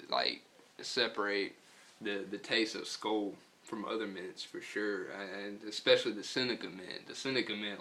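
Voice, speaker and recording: An American man with a fairly low voice talks around a lip packed with dip. He rambles in a laid-back, casual way, swearing freely as he reviews and tells stories, with some throat-clearing. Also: bright, forceful tone. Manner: talking with lip full of dip. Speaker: product reviewer and storyteller. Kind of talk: casual profane vlog chat.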